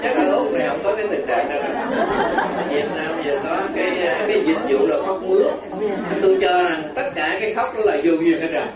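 A man's voice: high voice, fairly quick, over a noisy crowd. A man, a Buddhist monk giving a humorous storytelling sermon and laughing as he goes. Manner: humorous, laughing while telling anecdotes. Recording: roomy, distant, dull hall recording with audience. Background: audience laughter.

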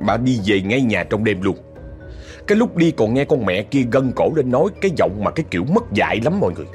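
A man's voice: medium pitch, very animated, quick pace, a little mellow, soft background music. A man with a Southern Vietnamese accent telling a story in a chatty way, talking straight to his listeners. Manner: chatty, addresses listeners directly, indignant asides. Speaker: ghost story narrator. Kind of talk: casual spoken storytelling.

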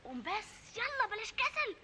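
A woman's voice: extremely high pitch, big pitch swings, moderate pace, sharp tone, heavily acted. An actress playing a proper, nagging wife in a vintage radio comedy sketch, speaking with an Egyptian accent and coaxing and scolding her husband.

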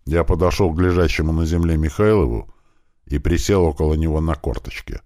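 A man's voice: rumbling low, fairly quick, dark tone, no room sound, studio quality. A man narrating a first-person audiobook in a dramatic, emphatic reading style.

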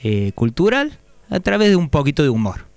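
Playful radio host, dry studio. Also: male voice, fairly high pitch, huge pitch swings, a little fast, gravelly, no room sound. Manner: jokey, playful, addresses co-host formally. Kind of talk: casual radio chat.

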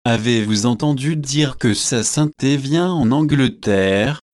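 A man reading aloud and voicing a talkative young male student keen on gossip, in a slow, measured way. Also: mid-range voice, darkish tone, no echo, clean studio sound, natural voice. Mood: curious.

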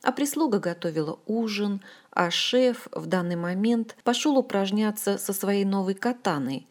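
A woman narrating a first-person audiobook in a wry, expressive storytelling manner. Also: mid-range voice, moderate pace.

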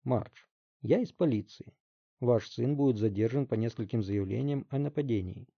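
A calm, stern police detective, voiced by a male narrator, speaking slowly and evenly in a middle-pitched voice. The recording is dull and dry. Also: gravelly, dry recording. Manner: calm, measured, drawling.

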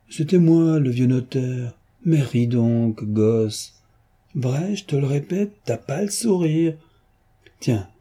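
A man voicing a mocking, boyish gentleman thief who talks to a young man in a teasing, patronizing way. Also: mid-range voice, slightly rough, pitched above the performer's own voice.

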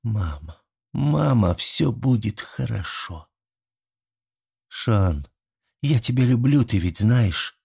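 Audiobook: male reader doing an anxious young woman, raised and pleading, gravelly edge. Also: on the low side, animated, takes it slowly, long pauses, darkish tone, full character voice. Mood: tender. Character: frightened young woman, tender and loving. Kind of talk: audiobook character voice.

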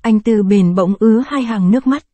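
A woman narrating a short story in a calm, even storytelling manner, close to the mic. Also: medium pitch, moderate pace, no echo. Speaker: audiobook narrator. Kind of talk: scripted short story reading.

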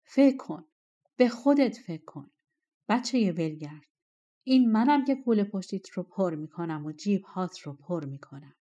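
A woman's voice: on the low side, lively intonation, mellow, dull audio. A woman voicing an ancient bearded male treasure spirit of the mountains, harsh and scornful, in a storybook reading. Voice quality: harsh, rough. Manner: scornful, insistent.

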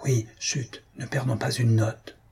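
A man voicing a timid, lovestruck young pharmacy student who speaks in an eager hush. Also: mid-range voice, expressive, moderate pace, slightly rough. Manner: hushed, eager, easily thrown.

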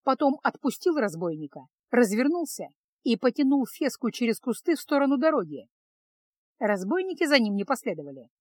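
A woman narrating a fantasy audiobook in an even, expressive storytelling manner. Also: a little high, brisk, husky, dry recording, clean studio sound. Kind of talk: scripted narration.

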